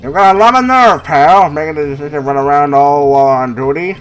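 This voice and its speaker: Man doing a loud, blustery goofy game detective. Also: fairly high pitch, quick pace, faint music behind, lightly acted, low-quality recording. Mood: indignant. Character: blustery, eager male police detective who says "pal". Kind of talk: amateur voice-over of a video game.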